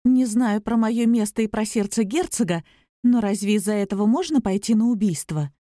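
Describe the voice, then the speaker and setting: A woman's voice: on the high side, normal speed, dark tone, no echo, clean studio sound, lightly acted. A woman voicing a curious, stubborn young heroine in an audiobook, asking insistent questions. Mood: indignant.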